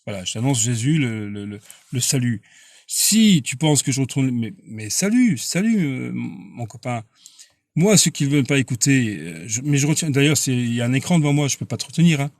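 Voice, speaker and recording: A man preaching casually on a live stream and answering viewers' comments, halting and repeating words, earnest and insistent. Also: medium pitch, animated, no room sound, clean studio sound.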